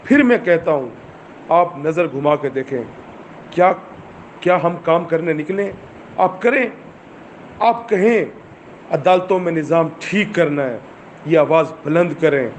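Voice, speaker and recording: A man's voice: on the high side, pauses often, a little hiss or hum. A man with a Pakistani accent giving a fervent political speech, full of rhetorical questions, recorded while driving. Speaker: movement chairman.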